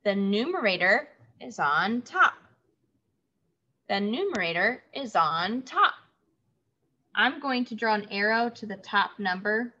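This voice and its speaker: A woman teacher talks to young children in a slow, patient way, repeating each key word. Her voice is bright and carries a crisp edge. The audio sounds a little dull and lo-fi. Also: medium pitch, expressive. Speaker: third grade teacher. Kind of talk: online classroom lesson.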